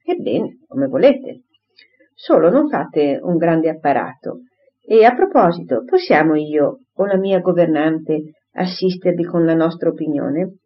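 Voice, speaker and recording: Reading an audiobook in a low, animated voice at a measured pace, a woman plays a pompous, bossy married lady who is chatty and insistent. The character gushes and talks over others, and the recording is dull and lo-fi.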